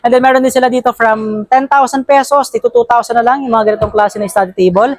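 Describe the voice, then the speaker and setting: In a shopping vlog, a woman with a Filipino accent tours a sale at a large indoor warehouse store. Her voice is fairly high and steady, her pace quick, and the recording dry. She's upbeat and chatty, often tacking tag questions onto her sentences.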